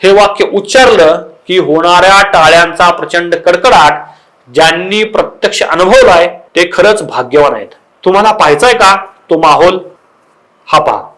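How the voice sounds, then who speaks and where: A man with a high-pitched voice presents political commentary. He delivers it as scripted news narration, in the role of the show's presenter. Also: normal speed, fairly bright tone, poor audio.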